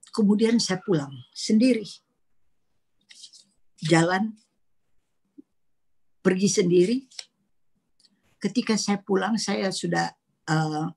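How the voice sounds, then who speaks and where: A woman's voice: on the low side, slightly rough. A middle-aged woman preaching a sermon at an online prayer meeting, telling stories dramatically, dropping to whispers for quoted lines.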